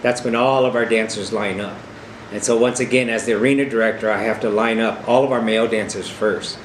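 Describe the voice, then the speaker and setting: An older man speaks in a fairly low voice, giving an earnest, informal educational talk. He explains as an experienced arena director, returning to emphatic phrases. The room rings with echo, and a steady noise sits clearly behind him. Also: a little fast. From South Dakota, United States. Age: middle-aged or older. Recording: echoey room with clear steady background hum.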